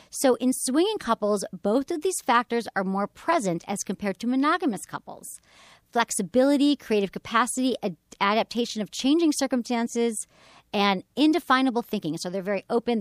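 A woman hosting a podcast in a radio studio, talking fast and with lots of energy in casual chat. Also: mid-range voice, no echo. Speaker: podcast host. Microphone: studio microphone.

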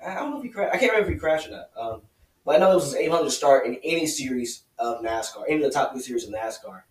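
A man's voice: mid-range voice, animated, rapid-fire, darkish tone. A man co-hosting a casual motorsport podcast, talking in a hesitant way with many fillers and restarts. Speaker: podcast co-host. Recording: roomy, distant mic.

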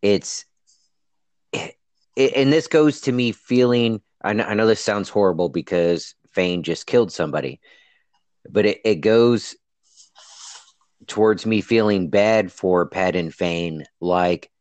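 A man co-hosting a podcast over an online voice call, chatting animatedly with quick reactions and frequent restarts. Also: low voice, a little mellow, no room sound. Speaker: podcast co-host. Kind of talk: casual book discussion chat.

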